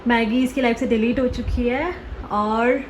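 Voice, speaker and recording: Chatty young woman vlogger, somewhat high. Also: fairly even intonation, unhurried, slight background noise. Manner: chatty, teasing, talks to viewers. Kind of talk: casual home vlog chat.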